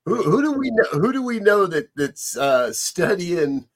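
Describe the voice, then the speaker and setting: A man's voice: sits high, big pitch swings, unhurried, slight background noise. A man hosting a casual talk show with a fellow minister, speaking earnestly and chuckling between points. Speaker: host. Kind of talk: casual chat on current events.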